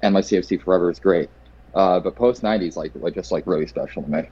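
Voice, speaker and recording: A man's voice: low voice, quick pace, warm tone, slightly rough. A man co-hosting a fan podcast, chatty and leaning hard on "like", recorded on a dull lo-fi mic. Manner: chatty, heavy use of "like". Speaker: podcast co-host. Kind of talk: casual chat.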